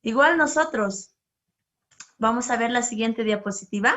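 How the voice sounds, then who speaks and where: A woman's voice: fairly high pitch, moderate pace. A woman leading a children's service, asking the kids questions and telling them a story. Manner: asks the children questions and acts out their voices; storytelling, gentle and animated. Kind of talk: children's sermon with slides.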